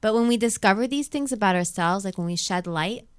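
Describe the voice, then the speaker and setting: Brisk and expressive, with a clean, mid-range voice, this Montreal radio show host, a native Arabic speaker, is being interviewed in a relaxed live conversation. She talks reflectively and repeats phrases to stress her points while music plays in the background.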